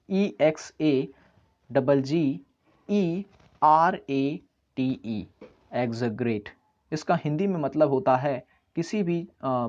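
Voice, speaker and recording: An English teacher from India with an Indian accent, giving an online vocabulary lesson, spelling each word slowly letter by letter and explaining meanings with frequent "uh" fillers. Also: mid-range voice, darkish tone. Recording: dull lo-fi recording.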